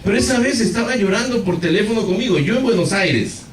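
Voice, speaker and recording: Man, pastor, animated sermon storytelling, somewhat high pitch, distant mic, faint room ambience. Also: quick pace, a little hiss or hum. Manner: animated storytelling with direct address to the congregation. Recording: echoey hall, far from the mic.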